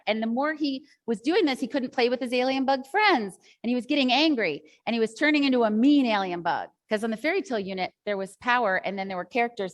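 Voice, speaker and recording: A woman teacher trainer giving a workshop talk to other teachers, telling a classroom story in a chatty, rambling way with many asides. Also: a little high.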